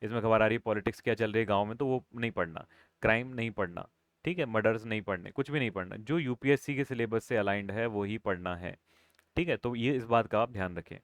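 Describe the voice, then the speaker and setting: A man's voice: fairly low pitch, fast talker, no room sound. A male coaching instructor giving an exam-prep lesson, switching between Hindi and English phrases and repeating key points with tag questions.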